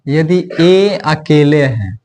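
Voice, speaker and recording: Man, somewhat high voice, unhurried, English phonics teacher, repeats and checks in. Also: expressive, darkish tone. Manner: slow, repeats sounds and checks with "ठीक है". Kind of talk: blackboard phonics lesson.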